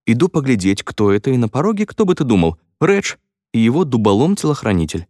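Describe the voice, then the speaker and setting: A flustered young builder, pitched up, rambling and pleading, voice swooping up and down, close and dry, as a male narrator puts him on. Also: sing-song, fast talker, dark tone, dry recording, lightly acted. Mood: sheepish. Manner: rambling, excuse-making storytelling.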